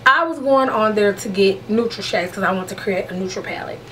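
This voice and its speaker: A woman's voice: medium pitch, brisk, a bit bright, a little hiss or hum, low-quality recording. A woman beauty vlogger chatting casually through a makeup unboxing, frank and slangy, calling her viewers "honey".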